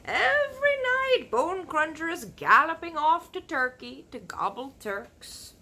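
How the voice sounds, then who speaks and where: A woman's voice: high voice, very animated, pitched above the performer's own voice, heavily acted. A woman voicing a huge, boisterous giant in a children's storybook, declaiming emphatically with mangled folksy grammar. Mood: indignant, blustering. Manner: loud, emphatic, drawn-out declaiming. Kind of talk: children's storybook read-aloud.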